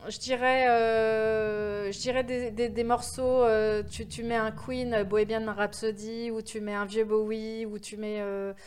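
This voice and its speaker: A woman's voice: fairly high pitch, little pitch movement, a little slow, few pauses, a little mellow, clear, resonant tone. Woman, fifties, interview guest, casual storytelling, frequent hesitations. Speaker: guest, event agency founder.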